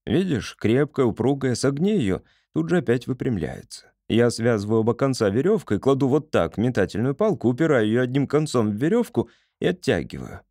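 A man's voice: medium pitch, very animated, brisk, few pauses, warm tone, dry recording, studio quality. A man voicing an earnest young male inventor in an audiobook, explaining things patiently. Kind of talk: audiobook character voice.

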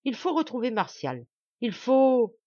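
A woman's voice: low-pitched, animated, normal speed, darkish tone, slightly rough, no room sound, muffled recording. A woman reading the part of an older duke who mutters and then speaks out firmly. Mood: brooding. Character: older male duke, proud and scheming.

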